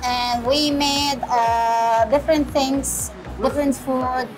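Middle-aged woman chef, Syrian accent, high voice, halting English with pauses; kitchen interview with background music. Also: fairly even intonation, poor audio. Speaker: restaurant chef and owner. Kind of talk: interview answers. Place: small restaurant kitchen indoors.

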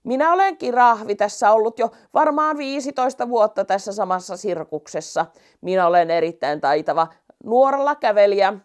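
A woman's voice: medium pitch, animated, natural voice. A woman voicing a friendly old circus giraffe who is a little proud of his tightrope walking. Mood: chatty.

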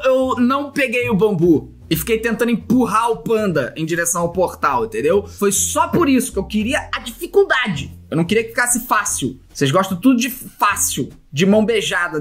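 A man hosting a casual reaction video, talking in an animated, joking and self-mocking way. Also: sits high, breathy edge. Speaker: video host reacting to his own old gameplay.

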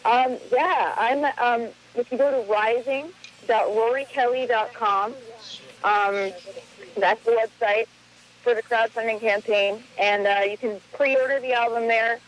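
A woman's voice: on the high side, steady tone, unhurried. A young woman from Long Island, a musician calling in to a radio show, chatty and self-mocking with many ums over a phone line. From Long Island, New York. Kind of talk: casual phone interview.

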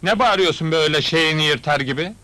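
A blunt grumbling migrant worker. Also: male voice, on the high side, fast talker, pushed and bright, dry recording. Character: plain-spoken Turkish migrant worker, man. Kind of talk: 1980s film comedy acting.

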